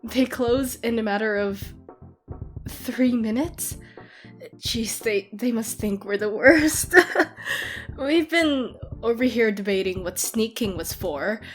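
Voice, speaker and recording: Game-like ambient music runs under this audio roleplay, where a woman plays an excitable, teasing, nerdy gamer girlfriend talking one-sidedly to her partner. Her slightly high voice takes things slowly, sounding amused, giggly and animated, with bursts of playful ranting.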